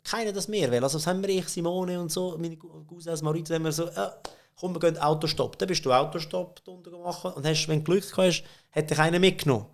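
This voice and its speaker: This podcast guest, a middle-aged company CEO with a Swiss German accent, talks fast in a slightly high, gravelly voice with hardly any pauses. He's chatty and casual, telling stories while laughing often and using many filler words and restarts.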